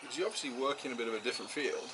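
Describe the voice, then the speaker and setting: A man hosting a relaxed conversation, rambling and chatty with lots of fillers. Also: mid-range voice, racing. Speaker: host. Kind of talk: casual conversation. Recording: noticeable background noise.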